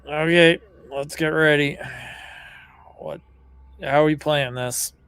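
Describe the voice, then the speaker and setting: A man's voice: on the high side, fairly even intonation, takes it slowly, a bit bright, smooth. A man role-playing casually in character as a player in a tabletop game.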